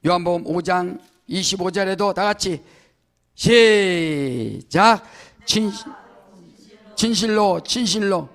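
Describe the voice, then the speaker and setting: A middle-aged man preaches with fervent emphasis, his voice pitched high for a man and roughened by a gravelly fry. He drives his lines upward into near-shouts and keeps pressing the congregation with quick questioning asides. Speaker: pastor. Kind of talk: sermon.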